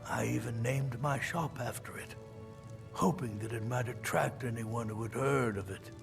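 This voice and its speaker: A man's voice: mid-range voice, moderate pace, music in the background, lightly acted. An actor voicing a frail, ailing old male elf scholar in a video game, speaking in a weary, dramatic way. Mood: wistful. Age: older. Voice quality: weak, creaky, ailing voice. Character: frail old elven scholar shopkeeper, wistful, obsessed. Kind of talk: video game character acting.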